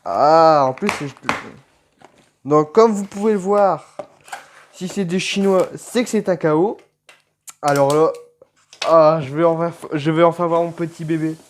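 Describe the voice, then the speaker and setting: A man giving casual, excited unboxing commentary, gushing and exclaiming often with lots of slang, recorded on a phone. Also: on the high side, measured pace, long pauses, a little hiss or hum. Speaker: toy unboxing vlogger.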